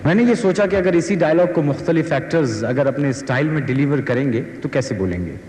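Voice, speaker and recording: A man's voice: a little high, lively intonation, brisk, darkish tone, echoey room, big-room sound, low-quality recording. A man performing a stand-up routine, chatting to the audience as he sets up a joke. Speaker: comedian and stage host.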